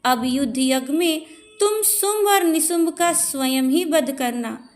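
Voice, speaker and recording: A woman voicing the fierce goddess Kali in a slow, solemn scripture reading. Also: high voice, expressive. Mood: triumphant.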